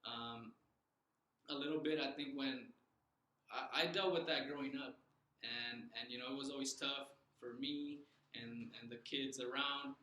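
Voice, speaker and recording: A man's voice: medium pitch, fairly even intonation, measured pace, sharp tone, roomy sound, low-quality recording. A young man from Southern California being interviewed as a loan officer, earnest and thoughtful, with frequent fillers and restarts. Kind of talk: casual interview.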